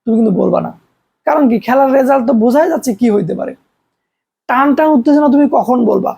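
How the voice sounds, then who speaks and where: A man's voice: very high voice, animated, fast talker, creaky, a little mellow, breathy edge. A young man from Bangladesh giving a recorded physics lecture, explaining step by step with everyday examples and rhetorical questions. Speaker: physics teacher.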